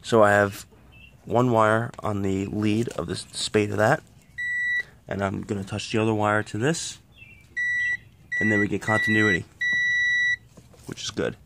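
A man's voice: on the low side, little pitch movement, measured pace, gravelly, long pauses, fairly bright tone, a little hiss or hum. Man filming a garage repair by phone. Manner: plain-spoken, apologetic, occasionally swears. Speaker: home mechanic. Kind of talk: casual how-to vlog. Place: garage workbench under a tent. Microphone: phone held one-handed close to the work.

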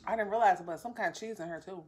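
A woman's voice: mid-range voice, racing, a little hiss or hum. Woman talking with her mouth full. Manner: relaxed, rambling, with fillers between bites. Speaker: vlogger eating on camera. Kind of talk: casual eating vlog chat.

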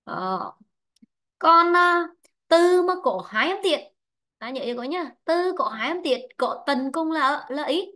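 A woman teaching English online, explaining word-stress rules slowly and repeating herself with many fillers. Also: high voice, animated, sharp tone. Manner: repetitive, drawn-out explaining with frequent fillers. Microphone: online lesson mic.

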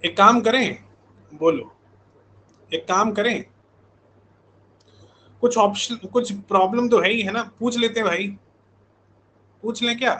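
This Indian coaching teacher in his thirties speaks slowly in a high, sharp voice, leaving long pauses as he chats casually with his online class. He's conversational and checks in with students again and again.

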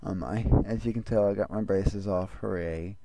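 A man's voice: fairly low pitch, normal speed, gravelly, heavy background noise. A man giving casual, hesitant reaction commentary, his speech slightly impeded by the retainers in his mouth. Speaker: reaction video host.

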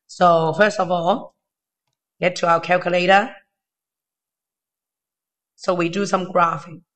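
A man with a thin, weak, unwell voice tutoring step by step in halting, short phrases, informally. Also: sits high, flat delivery, fairly bright tone, low-quality recording. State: unwell, weakened voice. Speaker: maths tutor. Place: indoors at a desk.

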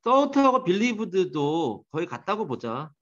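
A man's voice: high-pitched, sing-song, extremely slow, a bit bright, lo-fi sound. A man teaching an English grammar class, quizzing and teasing his students by name as he goes.

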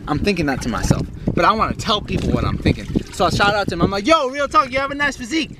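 A young man hosting an energetic, slangy motivational vlog from a small sailboat, talking into a camera held at arm's length. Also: sits high, very fast. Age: young adult. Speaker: vlogger host. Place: small sailboat on open water outdoors. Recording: wind and water noise outdoors. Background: wind and water.

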